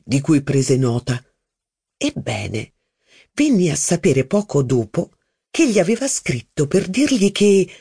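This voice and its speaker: Narrator for a literary audiobook: animated, varied intonation, dry close studio sound. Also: mid-range voice, breathy edge, dry recording. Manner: expressive, measured reading with lively phrasing.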